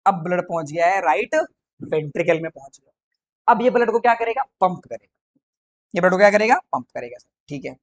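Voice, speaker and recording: A man's voice: sits high, animated, brisk. A man teaching a science lesson, chatty and playful, constantly asking questions and answering them himself. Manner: playful, chatty, mixes English terms into speech. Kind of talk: exam-prep science lecture.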